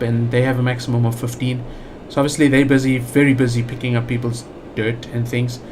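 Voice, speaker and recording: There's background noise behind this man's mid-range voice. A South African gaming channel host, he gives relaxed let's play commentary, musing aloud and frequently restarting or padding with fillers.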